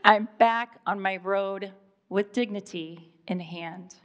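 Fifties woman from iowa doing a stage monologue, slow and deliberate, lots of pauses. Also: mid-range voice, lo-fi sound. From Iowa, USA. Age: 50s. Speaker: storyteller. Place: live stage event.

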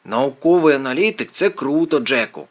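A man's voice: mid-range voice, lively intonation, brisk, voice pushed up, lightly acted. A man voicing a brainy, precise teenage boy with a fussy, lecturing manner in an audiobook. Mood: wry. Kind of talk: audiobook character voice.

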